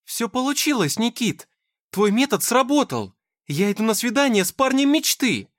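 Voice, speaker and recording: A man voicing an eager, excitable young woman anxious to please. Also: high-pitched, unhurried, pitched above the performer's own voice. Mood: excited. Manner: bubbly, excitable.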